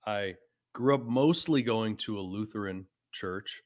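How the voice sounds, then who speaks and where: Speaking a little slowly in a lowish voice, a man around forty hosts a podcast. He's casual and frank, swears, and keeps saying "man."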